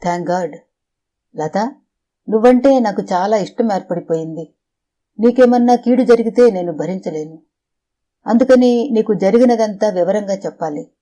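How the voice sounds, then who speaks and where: A woman's voice: mid-range voice, a little slow, pauses often, dark tone, close to an everyday voice. A woman reading a stern, protective daughter in an audiobook, speaking in a serious, firm way.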